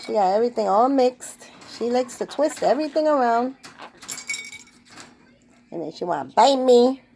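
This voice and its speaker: A woman's voice: on the high side, lively intonation, moderate pace, vocal fry, warm tone, slight background noise. A woman casually talking to her pet parrot, coaxing it in a sing-song voice and dropping in Spanish pet words. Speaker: pet bird owner.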